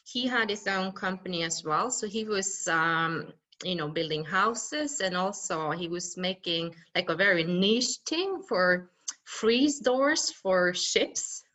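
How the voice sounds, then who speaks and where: A woman with a Norwegian accent answers interview questions, her voice slightly low but bright. She speaks hesitantly, pausing often and filling the gaps with ums and uhs. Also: lively intonation. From Norway. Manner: hesitant, many fillers. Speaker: guest, mountaineer and entrepreneur.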